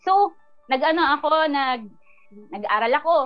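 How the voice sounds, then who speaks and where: A woman guest recounting her personal story in an interview, earnest and animated, often trailing off with fillers. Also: high voice, moderate pace. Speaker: guest, business owner. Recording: muffled sound with faint music.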